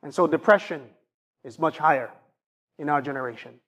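A man's voice: a little high, moderate pace, fairly bright tone. A man with a Jamaican accent preaching a sermon to his congregation, asking them rhetorical questions as a pastor.

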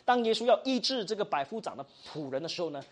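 Church class teacher, lively up-and-down voice, drops english words in, keeps asking the class stuff. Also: mid-range voice, fast talker. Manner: acts out example dialogues; frequent tag particles, questions to the class. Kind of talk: Bible study lesson.

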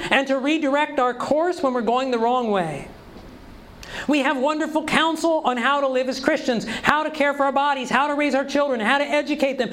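Male preacher, very high-pitched, emphatic sermon delivery heavy on rhetorical questions. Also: a bit bright, rough recording.

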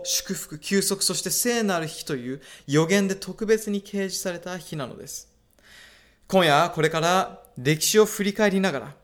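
A man with a fairly high voice delivers a dubbed sermon. He speaks in a measured, emphatic way and keeps asking his listeners questions before answering them. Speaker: preacher.

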